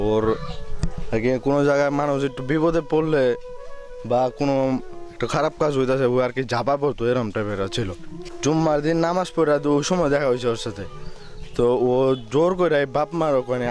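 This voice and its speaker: Young man, higher voice, informal. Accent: rural Dhaka-area Bangladeshi. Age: young adult. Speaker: interviewee, friend of the deceased. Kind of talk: informal interview answer.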